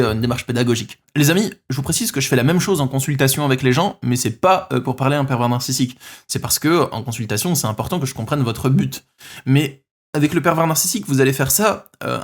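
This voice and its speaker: A man speaking as a life coach, giving advice straight to his viewers, emphatic and repeating his key points. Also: mid-range voice. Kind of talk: advice monologue to camera.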